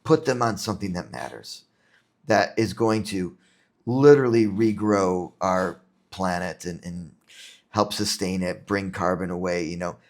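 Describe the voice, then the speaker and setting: This man from New York, an entrepreneur appearing on a podcast, has a low voice and talks a little slowly. The interview is casual, and he comes across as earnest and thoughtful, frequently repeating words as he works through ideas.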